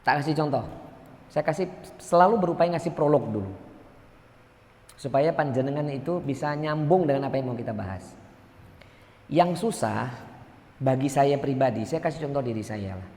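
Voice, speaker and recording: A man's voice: mid-range voice, animated, normal speed, long pauses, a little mellow. A man with a Medan accent from North Sumatra, preaching to a mosque congregation in a conversational, joking way, asking them questions. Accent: Medan Indonesian. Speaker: ustadz teaching a mosque study circle. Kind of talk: sermon. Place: large mosque hall. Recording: echoey mosque hall with long reverb.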